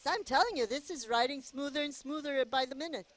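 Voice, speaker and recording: A woman's voice: high-pitched, fast talker. A woman doing casual play-by-play commentary at a go-kart race, chatty and cheering the drivers on. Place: outdoor go-kart race track.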